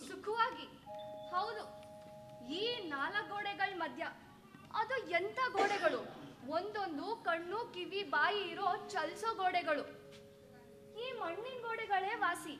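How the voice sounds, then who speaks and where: A woman's voice: extremely high pitch, measured pace, pauses often. A woman acting the spirit of a dead young wife in a stage drama, speaking in a bitter, cutting, reproachful way. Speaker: stage actor. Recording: echoey stage sound.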